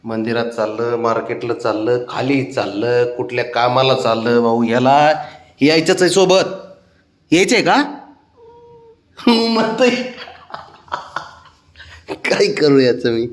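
A man's voice: medium pitch, slow pace, long pauses, reverberant. A man talking to his cat in a coaxing, pleading way, like baby talk. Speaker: cat owner. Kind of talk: casual talk to a pet.

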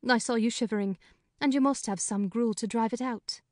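Pitching far above his own voice into an extremely high register, a man performs a plain-spoken, chatty middle-aged housekeeper for an audiobook, in a brisk, talkative manner. His tone is darkish. The studio recording has no echo.

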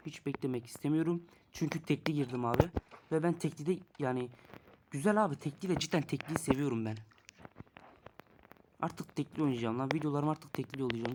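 Young guy doing game commentary, fed up, keeps ranting, bit of background noise. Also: fairly high pitch. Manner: exasperated, ranting about dying. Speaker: gaming YouTuber. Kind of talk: casual gameplay commentary.

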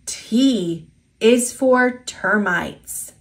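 An American-accented woman with a voice on the high side reads an alphabet picture book aloud for toddlers. She speaks simply, enunciating with care and deliberation.

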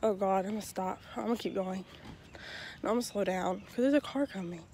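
A woman's voice: mid-range voice, brisk, warm tone. A young woman vlogs on her phone while walking her foggy neighborhood, chatty and self-mocking. She is audibly out of breath from the walk. A faint outdoor hiss sits under her voice. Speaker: vlogger. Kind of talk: casual walking vlog. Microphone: handheld phone camera.

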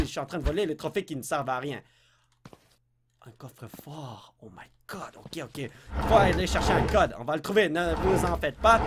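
High, lively Québécois gamer man. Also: a little hiss or hum. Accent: Québécois French. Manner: excitable, blurts English exclamations, yelps when startled. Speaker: let's play host. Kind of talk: gameplay commentary.

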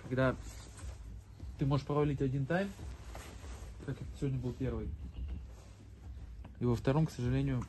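A man in his thirties, a football coach, giving an earnest, halting, blunt pep speech to his team after a match. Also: mid-range voice, fairly even intonation, a little mellow. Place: crowded indoor team locker room. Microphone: handheld camera a step or two away. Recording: noisy room captured on handheld camera.

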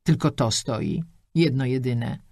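A woman's voice: extremely low pitch, sing-song, takes it slowly, vocal fry, mellow, breathy edge, no echo, studio quality, full character voice. Maria, a woman doing a fretful old widow. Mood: plaintive. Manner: plaintive, questioning.

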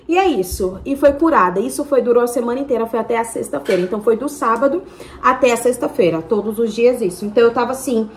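A young woman with a Brazilian accent, chatting to her viewers and telling a story in long, detailed detail. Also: a little high. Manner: talkative, tells everything in detail. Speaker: family vlogger. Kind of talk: casual chat to camera.

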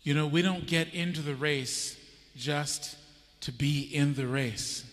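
A middle-aged American pastor preaches a sermon from a church stage, telling a story and asking the audience questions. His voice is fairly high, slow and a bit bright, picked up on a handheld microphone with the reverb of a church hall.

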